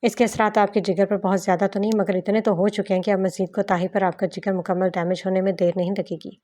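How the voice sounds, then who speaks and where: A woman voicing a calm, formal male doctor giving measured advice in an audiobook reading. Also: medium pitch, natural voice. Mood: grave.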